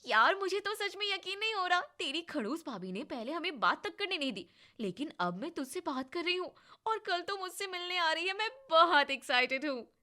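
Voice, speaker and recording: A woman voicing an excitable young female friend who gushes in a high, loud voice. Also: moderate pace, full character voice. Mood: excited.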